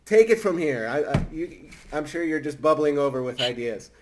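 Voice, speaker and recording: A man's voice: on the high side, lively intonation, normal speed, slight background noise. A man hosting an interview in an upbeat, friendly way, thanking his guest and spelling out details. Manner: upbeat, warm thanks, spells out web addresses. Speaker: interview host. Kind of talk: casual interview chat.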